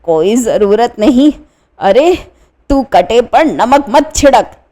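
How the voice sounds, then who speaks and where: A woman's voice: on the high side, expressive, slow, warm tone. A woman voicing a fussy middle-aged male landlord, moaning and wailing in pain, in a one-reader radio play. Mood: flustered.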